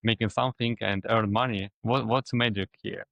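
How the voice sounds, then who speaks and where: A man hosting a casual interview, asking questions haltingly with repeated words and loose grammar. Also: fairly low pitch, steady tone, gravelly, fairly bright tone, dry recording, highs cut off. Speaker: interview host.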